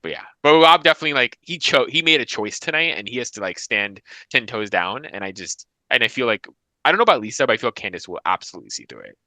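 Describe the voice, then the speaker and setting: A man's voice: mid-range voice, expressive, fast talker, pushed and bright, no echo. A man co-hosting a podcast, chatting casually about a reality show and often restarting his sentences as he hedges his opinions. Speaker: podcast co-host. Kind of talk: casual chat reviewing reality TV.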